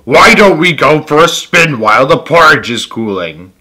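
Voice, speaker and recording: Man acting out a big, loud old papa bear. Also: a little high, very animated, moderate pace, voice pushed up, heavily acted. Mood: decisive. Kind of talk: storybook character voice.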